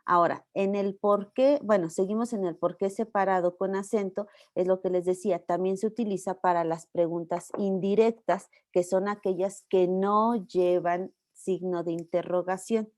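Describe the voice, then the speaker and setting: A woman's voice: mid-range voice, steady tone, moderate pace, hardly any pauses, a little mellow. Woman, Mexican accent, university teacher, online lecture, patient explaining. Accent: Mexican Spanish. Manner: patient, explains step by step with checks like "¿vale?".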